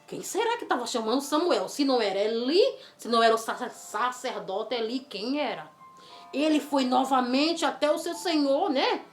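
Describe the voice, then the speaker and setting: A woman telling a Bible story to children, animated and coaxing, asking the listener questions. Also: sits high, moderate pace. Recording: roomy with faint music.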